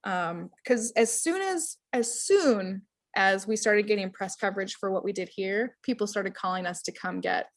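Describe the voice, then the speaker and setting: A woman's voice: mid-range voice, moderate pace, no room sound. A woman hosting a public community event, talking casually and enthusiastically with frequent fillers and little laughs. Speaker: host. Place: indoor event.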